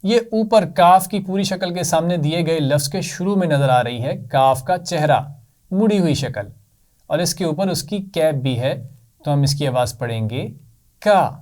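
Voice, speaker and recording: A man teaching children to read, speaking slowly and patiently and repeating letter sounds for them to echo. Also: fairly high pitch, darkish tone. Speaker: Quran reading teacher for children. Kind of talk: children's lesson.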